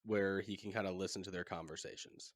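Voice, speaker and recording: A man describing his character's moves at a game table, quick to laugh. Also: deep voice, fairly even intonation, no room sound. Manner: giggly, jokey table talk. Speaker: player.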